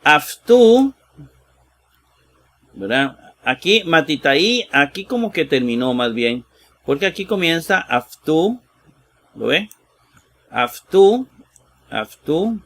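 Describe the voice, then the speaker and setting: A man teaches a lesson at a slow, deliberate pace, his voice sitting a little high. He halts often with fillers and breaks words into syllables. He keeps checking that his listeners follow. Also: big pitch swings, bright, forceful tone. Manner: slow, halting, with many fillers and drawn-out words; reads out Greek words in pieces, then checks with "¿verdad?". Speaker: Bible teacher. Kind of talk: screen-shared exegesis lesson.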